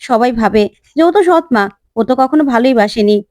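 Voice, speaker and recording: A woman's voice: on the high side, a little fast, darkish tone, no room sound, close to an everyday voice. A woman voicing an elderly grandmother who is a dramatic, bitter stepmother, speaking in a pleading, reproachful way.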